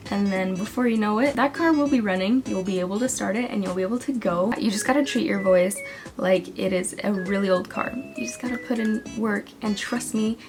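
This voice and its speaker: A woman's voice: medium pitch, brisk, over music. A young woman talking casually in a vlog, giving singing advice with a chatty, self-deprecating manner and frequent laughs. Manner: chatty, self-deprecating, laughs often, breaks into sung demos. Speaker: singing vlogger.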